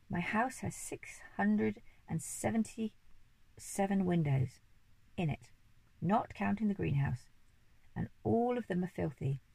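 A woman's voice: mid-range voice, gravelly, mellow, slightly rough, no room sound. A woman voicing a stiff, formal male chauffeur in a storybook reading, solemn and proper.

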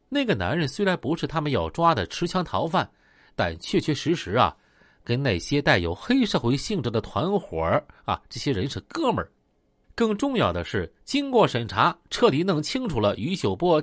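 A man narrating a crime story aloud, animated and stretching his words with drawn-out filler particles. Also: mid-range voice, dry recording, studio quality.

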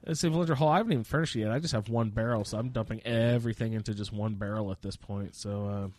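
A man narrates his own playthrough in casual, rambling commentary, joking and running himself down, and sniffles a bit from a slight cold. His voice is lowish and a little mellow, and he talks fast.

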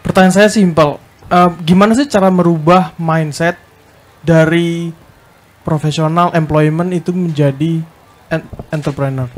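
A man's voice: a little high, steady tone, measured pace. A man in the audience politely asking a short question, with a slightly hesitant delivery.

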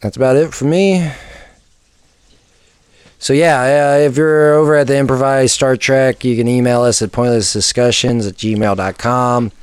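A man's voice: mid-range voice, fairly even intonation, moderate pace, clear, resonant tone, no echo. A man hosting a podcast in a casual, rambling, offhand way. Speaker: podcast host.

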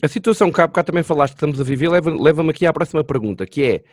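A man with a European Portuguese accent speaks as an interviewer in a chatty, colloquial way. His voice sits a little high and he talks very quickly. The sound is dry and close. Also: lively intonation, no echo. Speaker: interviewer, host. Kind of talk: casual conversational interview.

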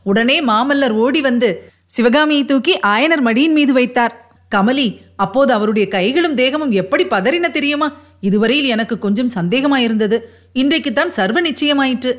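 A woman's voice: high-pitched, expressive, moderate pace. A woman reading a novel aloud, voicing a playful young male charioteer who banters with his wife. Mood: teasing.

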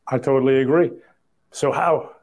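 A man hosting a casual podcast chat. He fires off questions in a curious, quick way and trails through fillers as he thinks. His voice sits in an ordinary middle pitch. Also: steady tone, creaky, a little mellow. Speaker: podcast host.

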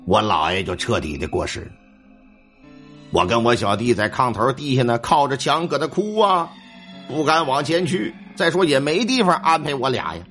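A man telling a ghost story in a colloquial, animated way. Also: mid-range voice, normal speed, soft background music.

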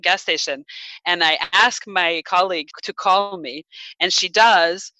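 Bright, animated woman telling a story. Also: fairly low pitch, measured pace, dry recording, poor audio. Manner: animated, laughs often, lots of fillers. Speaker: guest telling a personal story. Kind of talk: casual storytelling.

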